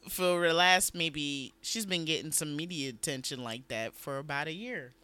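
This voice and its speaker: Guy on a podcast, real bright tone, kinda high voice, laughs a lot while he talks. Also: normal speed, smooth. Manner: laughs often, animated, quotes people. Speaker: podcast co-host. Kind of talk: casual political chat.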